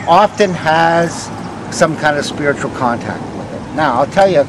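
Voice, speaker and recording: An older man with a fairly high voice works as a walking tour guide, telling local stories in a conversational, halting way. His phrases often trail off softly. He is recorded outdoors, with faint street noise behind him. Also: lively intonation. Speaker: ghost walk guide, former vice principal. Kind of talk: live storytelling to a walking tour group.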